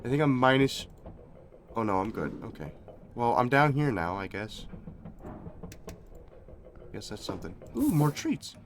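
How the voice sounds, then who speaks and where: A man's voice: lowish voice, a little slow, pauses often, a little hiss or hum. A man reading aloud and reacting as he plays through a game on a live stream. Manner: animated, reacting loudly and reading text aloud.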